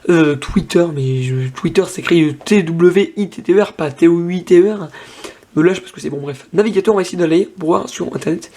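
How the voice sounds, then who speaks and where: High-voiced young man, chatty tech demo. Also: darkish tone. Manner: chatty, thinking aloud with many fillers and restarts. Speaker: tech vlogger. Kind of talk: casual hands-on device demo.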